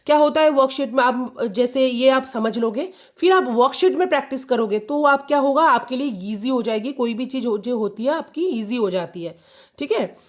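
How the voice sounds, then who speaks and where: A woman's voice: high-pitched, moderate pace. A woman teaching an English lesson to children, often repeating key words and checking that they understand.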